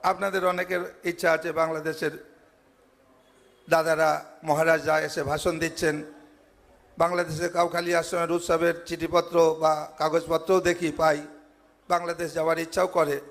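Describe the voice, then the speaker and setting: A man's voice: on the high side, little pitch movement, normal speed, gravelly, pauses often, fairly bright tone. A monk preaching a devotional sermon at a large ashram gathering, earnest, stacking his points in repeated parallel phrases. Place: large ashram assembly hall. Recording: long hall reverb.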